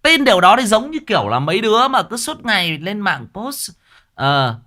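A man hosting a livestream, giving rambling big-brotherly advice that swings from soft to loud. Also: sits high, very animated, a little fast. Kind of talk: casual livestream monologue.

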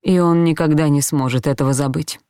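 A woman narrating a first-person novel in a measured, reflective reading voice, close to the mic. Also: low-pitched, steady tone, mellow, clean tone, dry recording. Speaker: audiobook narrator.

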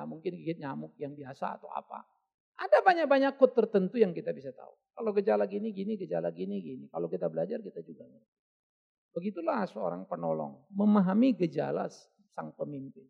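A man preaching a sermon in a lively, conversational way, acting out quoted asides. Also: high voice, quick pace, vocal fry, slightly rough. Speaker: pastor. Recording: dull lo-fi audio.

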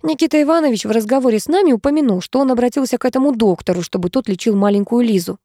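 A methodical male investigator presses with questions and lays out his findings, as a woman reads him. The voice is mellow and the sound close and dry. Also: a little high, very fast, dry recording, pitched above the performer's own voice, lightly acted. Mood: probing.

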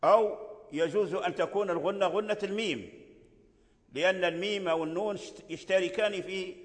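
A man's voice: high-pitched, brisk. An older man from Morocco teaching Quran recitation rules. He explains patiently, repeats key phrases and chants short examples. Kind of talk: religious lesson on tajweed. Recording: long hall reverb.

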